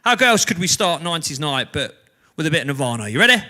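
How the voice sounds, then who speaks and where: A man's voice: on the high side, very animated, quick pace, very noisy. A man hosting a band's livestream from a home kitchen, chatting casually and laughing at himself often. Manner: self-mocking, laughs often. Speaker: band livestream host and singer. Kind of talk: casual banter.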